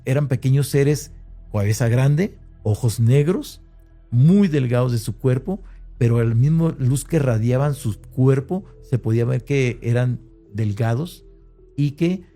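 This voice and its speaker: Man, Mexican Spanish accent, mellow mid-pitched voice, halting first-person storytelling with faint music behind. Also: lively intonation. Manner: hesitant, with many restarts and fillers, slowing at tense moments. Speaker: interviewee recounting an encounter. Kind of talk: conversational first-person account.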